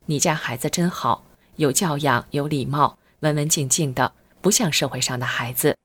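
A woman's voice: low voice, normal speed, a bit bright, slightly rough. A woman voicing a polite, officious male police officer in her read-aloud story. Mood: coaxing.

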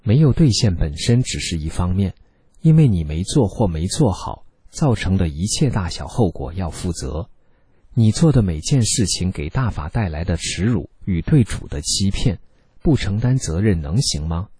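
Deep husky man reading earnestly. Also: sing-song, moderate pace, mellow, no echo. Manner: exhorting, admonishing tone. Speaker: reader of a religious sharing article.

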